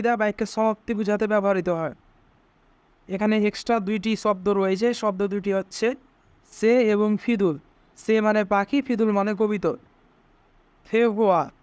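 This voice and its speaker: A man's voice: sits high, clean tone, no room sound. A man teaching pronunciation step by step, breaking each word into single sounds and repeating them. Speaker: language teacher. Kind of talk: slow step-by-step pronunciation lesson.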